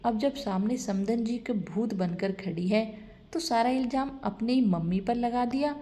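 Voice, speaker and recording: A woman playing a sharp-tongued scheming mother. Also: on the high side, a little slow, close to an everyday voice. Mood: angry. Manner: scolding, indignant.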